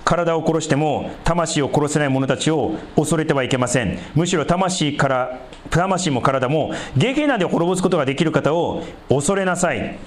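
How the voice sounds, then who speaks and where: Animated Japanese pastor preaching. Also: male voice, normal speed. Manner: animated, rhetorical questions to the congregation; swings between loud emphasis and hushed lows. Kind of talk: sermon.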